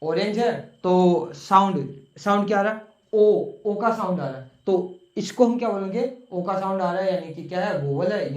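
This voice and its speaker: A man's voice: high voice, darkish tone. A male online English teacher patiently explaining a grammar rule to viewers, repeating each point and asking rhetorical questions. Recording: echoey room.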